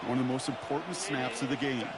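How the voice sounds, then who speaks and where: A man's voice: mid-range voice, fast talker, over a noisy crowd, very noisy, lightly acted. An American man giving confident, explanatory color commentary in a football video game. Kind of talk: analytical sports commentary.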